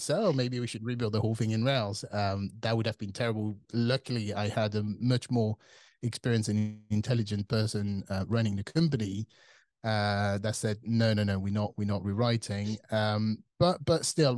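With a fairly low, darkish voice and no room sound, this French-accented CTO in his forties chats casually as an interview guest. He works through his thoughts aloud, using fillers and starting over at times.

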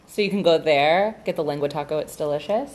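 A woman with a fairly low voice co-hosting a podcast in easy, casual chat. She jokes around and riffs playfully on whatever comes up. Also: brisk, darkish tone, slight background noise. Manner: playful, joking banter. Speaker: podcast co-host.

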